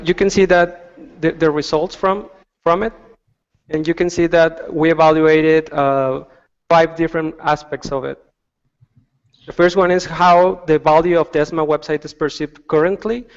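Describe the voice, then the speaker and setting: Man presenting with halting restarts. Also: on the high side. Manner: halting, many restarts and fillers. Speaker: UX designer presenting research. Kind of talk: presentation on a video call. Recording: dull lo-fi sound with long reverb.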